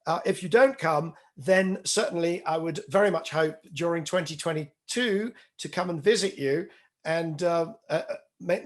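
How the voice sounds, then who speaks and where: A man hosting a podcast interview and its outro, talking conversationally with many ums and uhs. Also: a little high. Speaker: podcast host.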